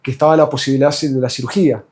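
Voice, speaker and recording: A patient from Argentina delivers a rapid-fire testimonial in a steady, medium-pitched, darkish voice. His Argentine Spanish account is casual and halting, peppered with fillers and restarts.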